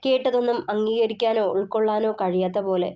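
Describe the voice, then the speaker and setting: A woman's voice: a little high, a little fast, mellow. Woman narrating an audio novel. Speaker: author and narrator.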